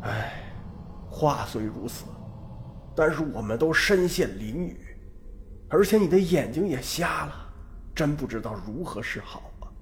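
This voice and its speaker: A man's voice: a little high, expressive, measured pace, slight background noise. A man voicing a sorrowful, weary old grandfather in a told story, sighing and tearful.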